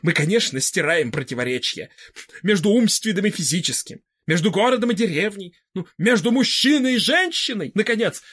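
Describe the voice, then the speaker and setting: A man's voice: sits high, lively intonation, fairly bright tone, husky, heavily acted. A man playing a pompous preachy scientist. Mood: lecturing. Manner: slow, preachy, full of slogans. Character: pompous middle-aged male scientist demagogue. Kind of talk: audiobook character reading.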